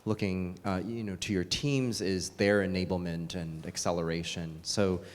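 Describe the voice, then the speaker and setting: Guy facilitating a meeting, kinda low voice, asks questions kinda tentatively, room echoes. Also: steady tone, moderate pace. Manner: tentative, probing questions with fillers. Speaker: workshop facilitator. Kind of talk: meeting discussion.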